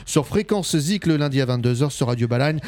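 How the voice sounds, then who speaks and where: A man's voice: medium pitch, lively intonation, brisk, darkish tone. A man presenting a live radio show as its host, with an announcer-like delivery and a bantering streak.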